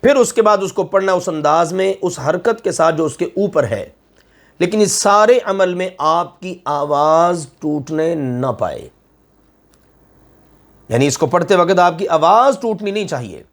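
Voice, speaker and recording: A man's voice: sits high, expressive, vocal fry. A middle-aged man teaching Quran recitation step by step, patiently drawing out each example word.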